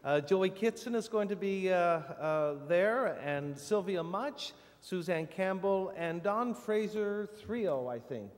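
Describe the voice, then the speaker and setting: A man giving casual church announcements from the front of a sanctuary, halting with many fillers. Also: sits high, animated. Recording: long reverb in a church hall.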